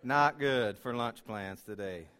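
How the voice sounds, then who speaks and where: A man preaching from the pulpit of a church, speaking with a smooth, clear voice at an ordinary pitch. He is openly emotional, jokes about himself, and fills his talk with uh and um. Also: slow pace, fairly bright tone. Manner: emotional, self-deprecating, with many fillers. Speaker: pastor. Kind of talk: sermon. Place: church sanctuary.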